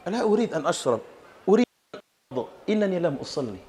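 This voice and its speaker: A man preaching in a Betawi accent, voicing a wounded dying old man who speaks softly and weakly. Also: high voice, fairly even intonation, a little slow, voice pushed up. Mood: weak, pleading. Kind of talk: sermon storytelling.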